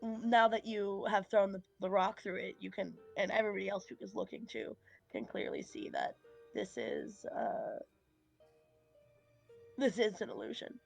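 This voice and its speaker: A woman's voice: mid-range voice, animated, normal speed, creaky, faint music behind. A woman narrating as game master of a tabletop game, hesitant with many fillers.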